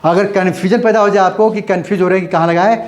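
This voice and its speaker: A man's voice: sits high, fairly even intonation, racing. A man with a slightly raised voice gives a grammar lesson. He repeats each step and checks that his students follow before moving on. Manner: repetitive, explains step by step while writing. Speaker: English teacher. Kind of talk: Hindi-medium grammar lesson.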